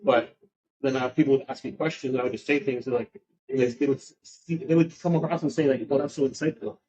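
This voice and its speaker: A male podcast host chats loosely, circling his point with fillers and restarts. His voice sits at an ordinary middle pitch, and the recording sounds muffled and lo-fi. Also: fairly even intonation, fast, mellow. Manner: rambling, full of fillers. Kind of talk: casual podcast conversation.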